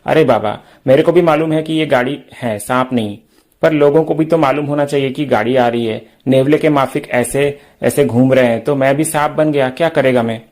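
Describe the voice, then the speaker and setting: A man's voice: mid-range voice, normal speed, darkish tone, natural voice. A man reading out the lines of a chatty, joking young husband in playful, teasing banter.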